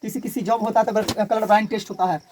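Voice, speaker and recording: A man's voice: sits high, steady tone, quick pace, a little mellow, slight background noise. Male teacher, Bihari Hindi accent, classroom physics lecture, repetitive, quizzes students call-and-response.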